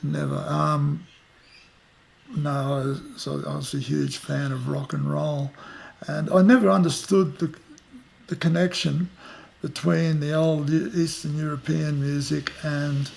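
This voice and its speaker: A man in his fifties with an Australian accent and a gravelly, fry-edged voice pitched a little high. He answers unhurriedly and reflectively, trailing off into fillers as he thinks. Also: little pitch movement, takes it slowly, darkish tone. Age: 50s. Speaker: musician interviewee. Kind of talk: casual interview. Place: outdoors at the back of a house, rainy day.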